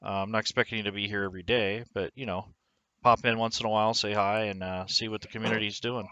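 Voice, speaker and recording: Bright-voiced male interview host. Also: fairly low pitch, steady tone, fast, clear, resonant tone, no echo, dull audio. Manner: friendly, hesitant with many ums. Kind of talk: interview hosting.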